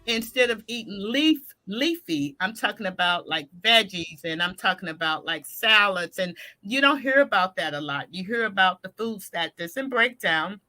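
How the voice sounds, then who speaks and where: A woman's voice: medium pitch, moderate pace, few pauses. A woman guest who is a fitness trainer, talking energetically in a casual interview and often restarting her sentences. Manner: energetic, talks through restarts and self-corrections.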